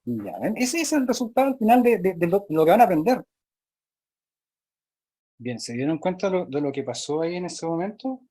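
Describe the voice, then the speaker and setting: A man's voice: high voice, sing-song, moderate pace, pauses often, mellow. A man teaching a workshop, explaining step by step and often checking in with tag questions. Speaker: workshop instructor. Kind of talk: recorded online workshop lesson.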